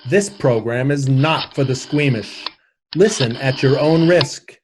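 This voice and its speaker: A man playing a pompous, irritable, melodramatic radio thriller host who introduces dark tales in a 1940s style. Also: medium pitch, a little slow, a little hiss or hum, natural voice. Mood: sinister, solemn. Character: theatrical, irritable, light-hating sinister male radio announcer. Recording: music under the voice.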